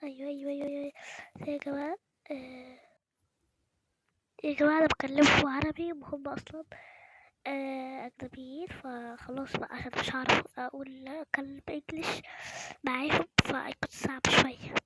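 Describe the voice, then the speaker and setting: High, fast-talking Egyptian woman, often whispering. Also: background noise. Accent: Egyptian Arabic. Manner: anxious and excitable, often dropping to a whisper. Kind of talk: excited playthrough chat to viewers.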